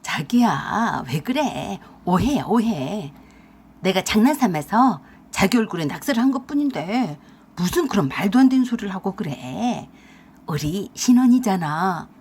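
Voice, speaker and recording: A woman's voice: mid-range voice, animated, a little slow, husky. A woman voicing a shameless young husband in a radio drama, pleading and defensive. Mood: wheedling. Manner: defensive, pleading then shouting. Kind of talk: Korean radio drama acting.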